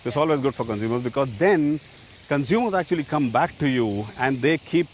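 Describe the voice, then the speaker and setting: Male executive guest, confident and emphatic, mid pitch, faint noise. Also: lively intonation, a little fast. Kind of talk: interview answers.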